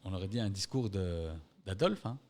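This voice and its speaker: A man with a fairly low voice, swearing and doing impressions as he tells rambling stories in a casual podcast. His delivery is loose and relaxed. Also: moderate pace. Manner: loose, swearing, mimics others in quotes. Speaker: podcast co-host. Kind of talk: casual chat, storytelling.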